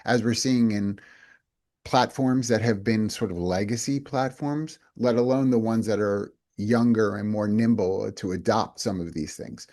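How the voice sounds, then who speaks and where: A man speaking as a podcast guest in a fairly low voice. He sounds earnest and reflective, and he often restarts his sentences as he thinks aloud. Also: measured pace, darkish tone. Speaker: company president and guest. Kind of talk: casual interview chat.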